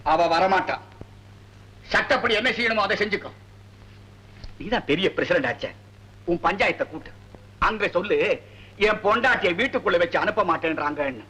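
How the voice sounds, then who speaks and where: A hot-headed brother-in-law in an old film, firing off defiant challenges quickly. His voice sits very high and sounds bright and tense. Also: lively intonation, slightly rough, heavily acted, low-quality recording. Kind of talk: 1970s film acting.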